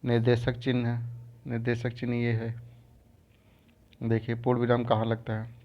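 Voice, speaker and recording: Male teacher for a screen-recorded grammar lesson, flat delivery, repeats each term, dull lo-fi sound. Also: medium pitch. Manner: explains slowly, repeats terms. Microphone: phone or screen recorder mic.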